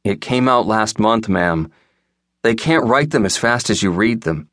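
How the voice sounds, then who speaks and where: A man doing a calm, patient teenage clerk. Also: fairly low pitch, unhurried, dry recording, clean studio sound. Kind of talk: audiobook narration.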